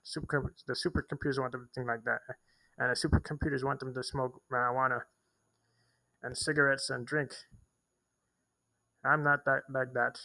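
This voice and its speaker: This young man, a vlogger, sits in a homeless shelter in a large city and relates a drawn-out personal story to the camera, full of repetition, fillers and false starts. His mid-range voice is flat, bright and forceful with vocal fry, moving at a moderate pace and pausing often. The audio is poor.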